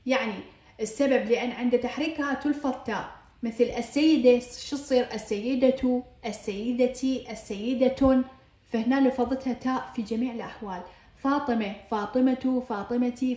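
Echoey Iraqi woman teacher. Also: a little high. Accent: Iraqi Arabic. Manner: patient, repeats words aloud with each vowel ending; asks "why?" then answers herself. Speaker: Arabic teacher. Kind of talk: explaining workbook exercises.

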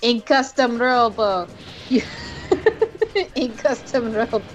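A woman's voice: on the high side, slow pace, highs cut off, faint music behind. A woman co-hosting a casual let's-play who jokes playfully. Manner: playful, joking. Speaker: co-host.

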